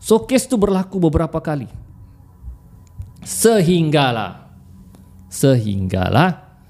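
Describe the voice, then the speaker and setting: A young man telling a story in a lively, casual way. His voice sits a little high and swings widely in pitch as he laughs and mimics the people in it. Faint music plays behind him. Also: takes it slowly.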